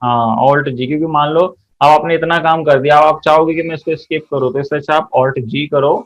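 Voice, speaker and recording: A man teaching an accounting software class, walking through each step and quizzing his students as he goes. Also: fairly high pitch, steady tone, a little fast, lo-fi sound. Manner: explains step by step, often checks students' answers. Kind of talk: software tutorial lesson.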